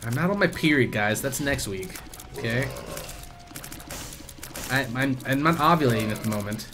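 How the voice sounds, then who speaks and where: A man's voice: medium pitch, normal speed, background noise. A man streaming a video game live, joking around and reading out viewer donations. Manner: jokey, excitable, reads out donations. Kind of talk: live gameplay commentary.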